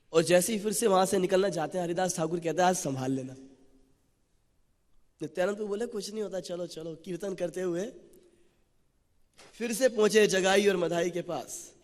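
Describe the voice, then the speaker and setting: A man giving a sermon as a preacher, telling the story in an animated way. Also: high-pitched. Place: temple hall. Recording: long reverb of a large hall.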